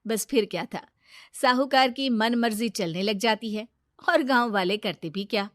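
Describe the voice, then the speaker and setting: Steady woman storyteller. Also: fairly high pitch, normal speed, no echo, studio quality. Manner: steady, matter-of-fact storytelling. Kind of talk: scripted cartoon story narration.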